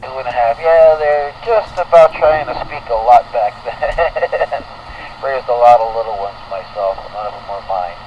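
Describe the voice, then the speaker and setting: A man's voice: medium pitch, measured pace. A middle-aged or older man, running a radio net roll call in a chatty, folksy, rambling way. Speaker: radio net control operator. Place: indoor radio room with window open. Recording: noisy dull ham radio audio, distant.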